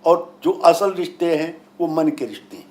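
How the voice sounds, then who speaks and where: Male spiritual teacher, slightly high voice, explaining and storytelling emphatically, repeating points for effect. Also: steady tone, normal speed. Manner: emphatic, didactic, rhetorical questions and repetition. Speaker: guru and astrologer being interviewed. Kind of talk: spiritual discourse with anecdotes and explanations.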